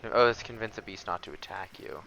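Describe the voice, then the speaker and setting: A man's voice: lowish voice, animated, quick pace, vocal fry, background noise. A man giving casual let's play commentary, thinking aloud and reacting expressively. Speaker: gaming streamer.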